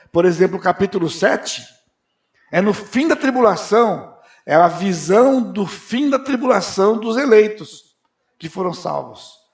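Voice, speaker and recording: A pastor teaches at a church conference with a raised, gravelly voice. He questions his listeners, answers himself and surges into loud emphatic peaks. His voice rings around a roomy auditorium. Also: high-pitched. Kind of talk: expository Bible teaching at a conference.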